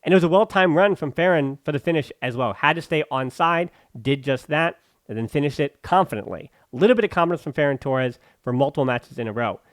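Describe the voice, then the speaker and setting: A man's voice: on the high side, animated, fast talker, dry recording, clean studio sound. A man hosting a football podcast, giving emphatic, opinionated analysis with sarcastic asides and bursts of ranting. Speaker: podcast host.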